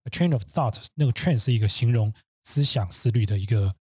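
A man with a husky, warm voice reads a passage aloud for a language lesson. He explains things haltingly, restarting his phrases. His voice is recorded close and dry. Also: mid-range voice, no echo. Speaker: guest reader.

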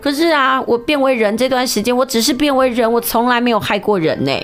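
A woman's voice: a little high, fast, faint music behind, pitched above the performer's own voice, natural voice. A woman voicing a thousand-year-old female fox spirit disguised as a maid, pleading and plaintive.

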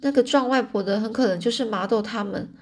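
A woman's voice: fairly high pitch, brisk, a little mellow. A woman voicing a frightened, tearful teenage girl in an audiobook reading, earnest and upset. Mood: distressed.

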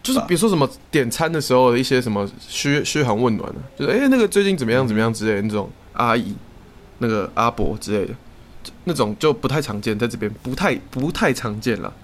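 A young man from Taiwan, co-hosting a podcast in casual chat, telling stories quickly with lots of swearing. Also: mid-range voice. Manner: rapid, swearing, animated storytelling. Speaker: podcast co-host.

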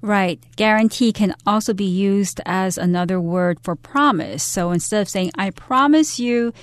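A woman co-hosting an English lesson, explaining in a measured, didactic way and restating phrases. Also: mid-range voice, steady tone, smooth, no echo. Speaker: English teacher, co-host.

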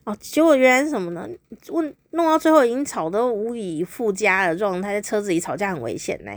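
A woman's voice: medium pitch, lively intonation, a little fast, no echo. A woman hosting a podcast, telling a story in a chatty, playful way and laughing often. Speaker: podcast host. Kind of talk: casual storytelling monologue.

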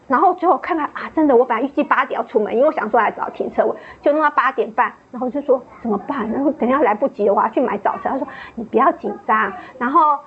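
A woman sharing a personal faith testimony at a book club, her voice leaping up with excitement as she tells it. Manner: excited, pitch leaps up when moved, laughs and cries while telling. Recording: dull lo-fi sound.

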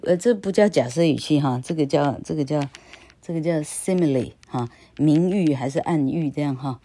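A woman's voice: sits low, dark tone. A middle-aged woman teaching English grammar on her podcast in a casual, rambling way, tagging her sentences with "ha". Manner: rambling, chatty, tags sentences with "ha".

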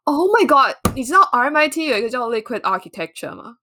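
A woman with a Taiwanese Mandarin accent chats casually and fast in a fairly high voice, using slang and mixing in English words. Her reactions are animated.

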